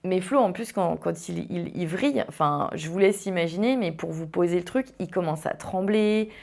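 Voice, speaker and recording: A woman's voice: on the low side, normal speed, vocal fry. Young woman telling a story, casual. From Vendée, France. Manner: animated, tumbling speech with frequent fillers and restarts. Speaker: podcast host.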